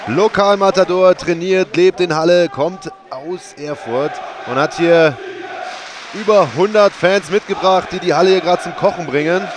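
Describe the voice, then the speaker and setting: A man's voice: high voice, normal speed. A man giving live sports commentary on a fight as a commentator. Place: large indoor sports arena. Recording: noisy arena with loud crowd.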